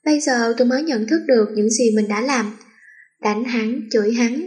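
Casting: female storyteller, somewhat high voice, playful first-person audiobook read. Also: moderate pace, darkish tone. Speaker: audiobook reader.

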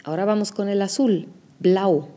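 A woman teaching an audio language lesson, explaining pronunciation slowly and carefully. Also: medium pitch, warm tone, faint music behind.

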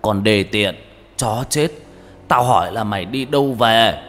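A man's voice: lowish voice, unhurried, a bit bright. A man voicing a brutal, menacing old man who snarls coarse threats, in an audiobook with reverb and background music. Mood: snarling threat.

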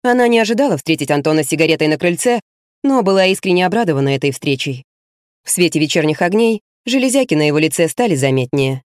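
Steady audiobook narrator, dry close sound. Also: medium pitch, fast talker, no room sound. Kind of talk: scripted narration.

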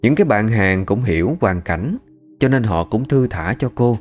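Guy telling a ghost story, low voice, chatty, faint music underneath. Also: expressive, moderate pace, darkish tone. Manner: colloquial, chatty.

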